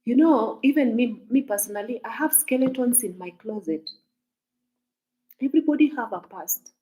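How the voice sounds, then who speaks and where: A woman's voice: fairly high pitch, expressive, moderate pace, warm tone. A woman from Kenya with a Kenyan accent, giving casual, talkative commentary on celebrity gossip to her viewers, emphatic and repeating herself. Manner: mixes in Swahili phrases.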